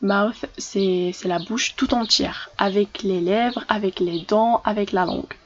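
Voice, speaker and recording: A woman's voice: mid-range voice, a little slow, highs cut off, a little hiss or hum. A woman giving a casual vocabulary lesson, talking in a hesitant way with many fillers and restarts. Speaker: English teacher for French speakers.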